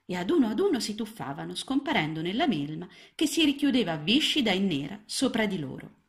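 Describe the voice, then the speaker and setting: A woman narrating a children's story, reading in an expressive, lively storytelling manner. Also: mid-range voice, fairly quick.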